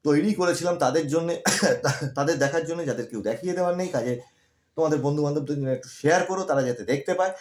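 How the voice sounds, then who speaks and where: A man's voice: a little high, darkish tone, roomy sound. A man who tutors school students online, giving encouraging study advice and checking in with "ঠিক আছে?" as he repeats his points.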